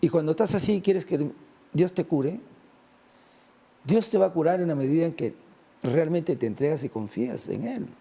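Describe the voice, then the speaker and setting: A man's voice: fairly high pitch, expressive, moderate pace, vocal fry, pauses often, warm tone, breathy edge. A man in a conversational religious talk, discussing faith and healing and retelling gospel scenes with acted-out quotes.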